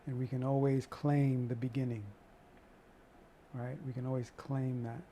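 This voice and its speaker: A man leading a qigong energy meditation and prayer as an instructor, with an unhurried, encouraging, spiritual way of talking. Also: medium pitch, flat delivery, mellow, slight background noise.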